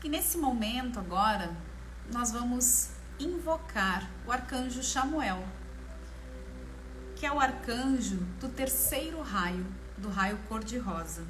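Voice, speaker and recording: A woman with a Brazilian Portuguese accent leading a guided meditation in a slow, soothing manner, leaving long pauses between short phrases. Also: fairly high pitch, animated. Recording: clear background noise, ambience. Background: ambient meditation music.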